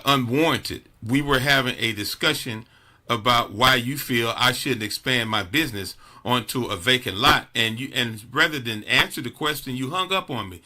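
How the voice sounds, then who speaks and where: A man's voice: medium pitch, sharp tone. A man hosting a radio talk show, venting indignantly and stammering through many restarts.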